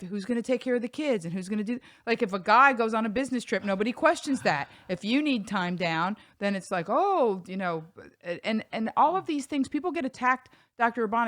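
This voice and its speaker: A woman's voice: a little high, lively intonation, a little fast, a bit bright. Emphatic woman co-host laying out points. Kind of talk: casual interview chat. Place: podcast studio. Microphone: studio mic on boom arm.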